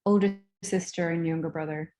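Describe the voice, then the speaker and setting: A woman's voice: on the low side, fairly even intonation, fairly quick, dark tone. A woman with an Irish accent, a guest on a casual interview, talking with many ums and restarts. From Ireland. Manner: hesitant, many ums and restarts, laughs easily.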